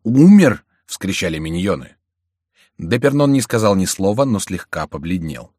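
A man's voice: deep voice, normal speed, dry recording, studio quality. A man reading a historical novel aloud as an audiobook, giving every character a voice. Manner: expressive, voicing every character. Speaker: audiobook reader. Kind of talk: dramatic literary narration.

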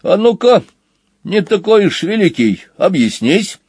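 A shifty storybook otter with a quick temper, his voice pushed high and shrill, put on by a man reading aloud. He talks excitably and crudely. The sound is dry and close. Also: breathy edge, no echo, exaggerated voice. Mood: demanding. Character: shifty male otter rogue, hot-tempered.

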